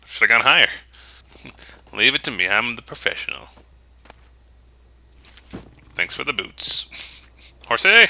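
A man's voice: medium pitch, lively intonation, takes it slowly, gravelly, long pauses, pushed and bright. A man giving casual, jokey let's play commentary, teasing the game and exclaiming as he goes. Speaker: gaming host. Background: video game sounds.

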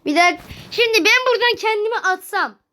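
A woman with a strikingly high voice talks through a video game in casual commentary. She is excitable, jumping between loud exclamations and quiet muttering, and often laughs at her own mistakes. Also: fast. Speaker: gaming video creator.

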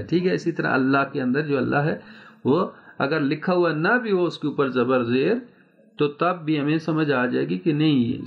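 In an online Quran recitation lesson, a male teacher patiently draws out sounds, repeating them slowly and checking in often with his students. His voice sits on the high side with vocal fry, and the highs are cut off.

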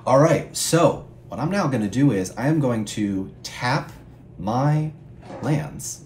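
A man talks through game rules at an even, mid-range pitch, patient and clear, with a few playful asides along the way. His voice sits in an echoey room, and a faint hum runs underneath. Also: takes it slowly. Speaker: guest co-player explaining the rules. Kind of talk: casual explanatory chat.

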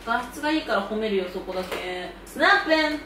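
A young woman in her twenties chats straight into a camera mic, her voice sitting fairly high and swooping all over the place. She is giggly and self-mocking as she riffs on viewer comments, and the room around her rings with echo. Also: lively intonation, fast, noisy background. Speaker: YouTuber host. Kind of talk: casual chat reacting to viewer comments.

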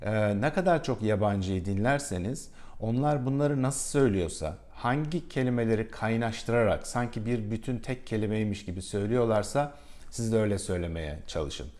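A man's voice: fairly low pitch, lively intonation, darkish tone. A male English teacher giving a spoken lesson, explaining step by step with rhetorical questions. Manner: slows down to model English pronunciation.

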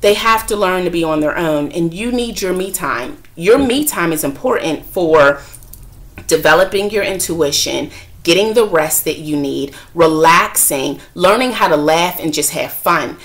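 A woman talking frankly to camera as a vlogger and mother, chatty and expressive, sometimes acting out what others said. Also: fairly low pitch, a little slow. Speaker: self-help vlogger and mother. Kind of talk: candid talk to camera.

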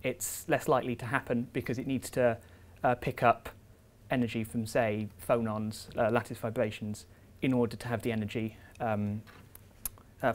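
Young man explaining slides, full of ums. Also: medium pitch. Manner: explanatory, walks through slides with frequent ums and uhs. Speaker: visiting researcher giving a seminar. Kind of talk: academic seminar talk. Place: lecture room, indoors.

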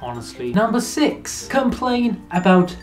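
A vlogger giving a sarcastic comedic monologue, jumping between loud mock-enthusiastic bursts and low muttered asides, recorded indoors. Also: big pitch swings, a little slow. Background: faint background music.

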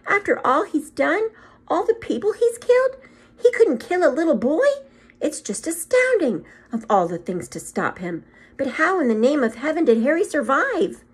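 A woman's voice: sits high, very animated, moderate pace, voice pushed up. A woman voicing a stern, exasperated older witch professor in a storybook, speaking emphatically and indignantly. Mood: shocked, tearful.

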